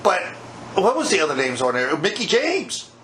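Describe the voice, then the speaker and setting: A man's voice: sits high, wildly swooping pitch, normal speed, sharp tone. A man talking casually about wrestling as a podcast co-host. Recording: echoey room, faint background noise.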